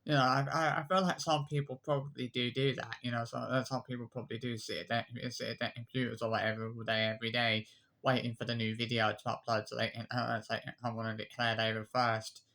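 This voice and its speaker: Fast-talking and creaky, with a pushed, bright, medium-pitched voice that barely moves in pitch, a man in his 20s rants to camera unscripted. This YouTube commenter is aggrieved and defensive, and he repeats himself, restarts phrases and lists insults.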